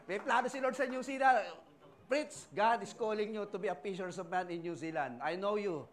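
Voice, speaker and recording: A middle-aged male pastor with a Filipino accent, preaching a sermon full of personal testimony and acting out other people's voices in animated storytelling. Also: high-pitched, normal speed. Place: church service.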